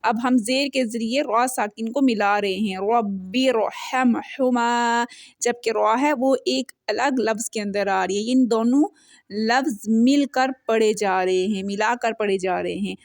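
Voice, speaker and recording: A fairly high-voiced woman teaching Quran recitation, patient and repetitive, slowing right down to chant each example verse. She explains each rule step by step in a close, dry recording with no room sound. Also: dry recording. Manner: patient, repeats points, stretches recited verses slowly.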